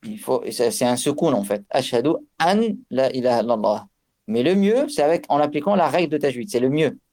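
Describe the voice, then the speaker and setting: A man's voice: fairly high pitch, expressive, fast talker, dark tone. A man giving a religious lesson on recitation rules, explaining with fillers and restarts and chanting Arabic examples. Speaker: religious teacher. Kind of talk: tajwid lesson.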